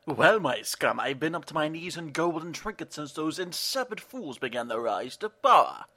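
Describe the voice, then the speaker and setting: A man's voice: a little high, big pitch swings, normal speed, heavy background noise. A man voicing a greedy, gloating male villain in a hobby audio drama, sneering and pompous.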